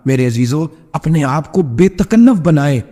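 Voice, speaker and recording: A man preaching a sermon in the storytelling style, impassioned, climbing to high emphatic peaks and dropping low when he quotes people. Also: big pitch swings, warm tone. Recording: reverberant hall.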